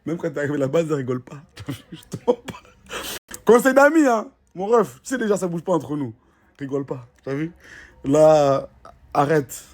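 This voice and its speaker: A man's voice: on the high side, expressive, normal speed. A man with a Marseille French accent, talking in casual slangy chat and teasing a friend with mock warnings. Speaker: vlogger.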